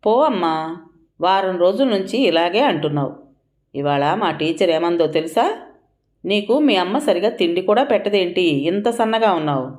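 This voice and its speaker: A woman voicing a hungry, sulky six-year-old girl who whines in a quick, tearful way. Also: fairly low pitch, lively intonation, a little mellow, natural voice.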